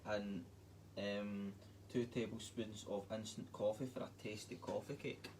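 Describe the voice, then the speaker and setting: A Scottish man, a chef, giving a relaxed, chatty cooking demonstration and reading out recipe steps. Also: on the low side, a little slow, crowd noise. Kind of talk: casual cooking demo on a livestream.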